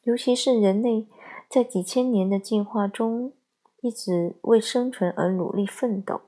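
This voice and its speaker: A woman giving calm, measured scripted narration of a parenting essay. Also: medium pitch. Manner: slow, measured, calm storytelling.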